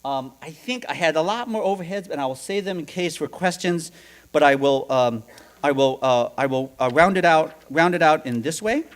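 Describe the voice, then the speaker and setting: Halting man giving a seminar talk. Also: a little high, expressive. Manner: halting, repeats words, asks the audience questions. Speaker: seminar speaker. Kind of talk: conference talk. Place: seminar room.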